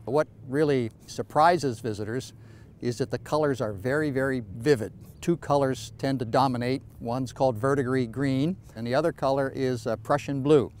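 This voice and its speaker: An older man speaking outdoors in a measured, storytelling way as a historical site guide. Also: mid-range voice, a little mellow, slight background noise. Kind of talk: explanatory interview. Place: outdoors on a lawn.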